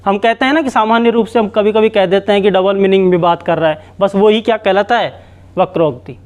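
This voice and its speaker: Male teacher with a high voice, explaining a grammar lesson step by step and repeating himself. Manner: slow, repetitive explaining with many restarts. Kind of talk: Hindi grammar lesson at a board.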